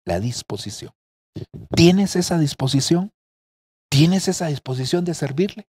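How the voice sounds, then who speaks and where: Husky-voiced pastor preaching earnestly. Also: male voice, on the high side, animated, a little slow, a little mellow. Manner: earnest, repeatedly addressing listeners as brother. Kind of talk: sermon. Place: home.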